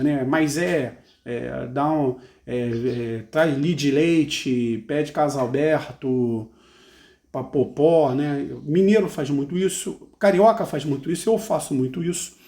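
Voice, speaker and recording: A man's voice: mid-range voice, mellow. A Brazilian man with a Brazilian Portuguese accent, patiently explaining song lyrics as an English teacher, tagging "né?" onto his phrases. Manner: reads English lines slowly and carefully.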